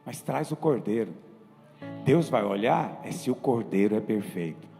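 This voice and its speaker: Brazilian male pastor, lively swinging delivery, echoing church hall recording. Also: lowish voice, gravelly, soft background music. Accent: Brazilian Portuguese. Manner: animated preaching, acting out worried believers in quick asides. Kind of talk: sermon.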